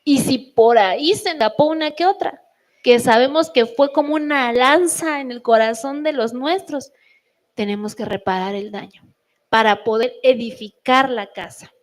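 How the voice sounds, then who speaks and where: A middle-aged woman with a Mexican Spanish accent delivers a sermon from the pulpit. Her voice sits a little high, and she tells stories lively, acting out family quarrels in quoted voices. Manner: animated storytelling with quoted voices. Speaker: preacher.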